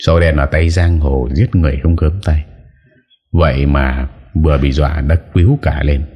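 A man narrating an audiobook story in steady storytelling. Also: very deep voice, moderate pace, breathy edge, muffled recording.

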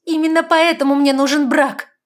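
A woman voicing a young, defiant red-haired fairy woman who cries out loud and shrill. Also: flat delivery, moderate pace, natural voice. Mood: shrill panic.

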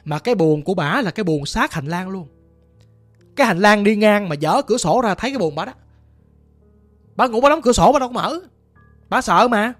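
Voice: medium pitch, lively intonation, a little fast, long pauses, natural voice. A storyteller voicing a cruel but frightened rich old mother, who talks bluntly and coarsely in a Southern Vietnamese accent, over faint music. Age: older.

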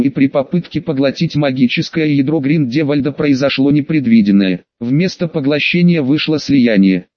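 Male audiobook narrator, steady reading, fairly high voice, dry muffled recording. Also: no room sound.

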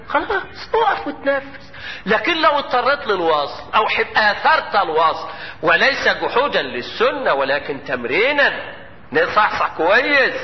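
High-voiced Egyptian sheikh teaching tajweed. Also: male voice. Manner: quizzes his students with quick questions and chants examples slowly. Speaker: Quran recitation teacher. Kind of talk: Egyptian Arabic tajweed lecture with chanted verses. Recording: dull lo-fi lecture hall with long reverb.

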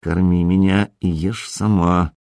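A man voicing a menacing male bounty hunter who hisses his orders quietly through barely moving lips. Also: low-pitched, level tone, a little slow, gravelly, no echo, clean studio sound, voice pushed down. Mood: urgent.

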